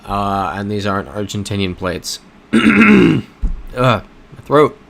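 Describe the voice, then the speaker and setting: Streaming a map-guessing game, this American man slowly reads out viewers' chat messages and works through map clues in a casual live-stream chat. His low, gravelly voice has a fairly bright tone and huge swings in pitch.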